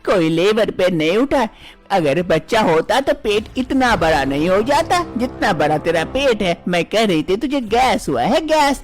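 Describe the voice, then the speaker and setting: A woman's voice: mid-range voice, sing-song, unhurried. A woman voicing a bossy older mother-in-law in a cartoon story, scolding and dismissive in a brusque manner.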